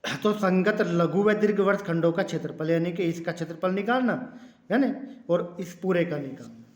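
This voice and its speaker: A man's voice: high-pitched, lively intonation, moderate pace, echoey room. A man teaching a math lesson step by step, calling his students "children" and repeating key words. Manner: repeats key words, clears throat now and then.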